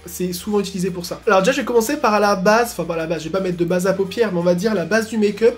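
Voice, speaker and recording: A man hosting a casual makeup tutorial at home, talking in slangy asides and breaking into excited exclamations. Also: high voice, racing, faint music behind. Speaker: beauty YouTuber.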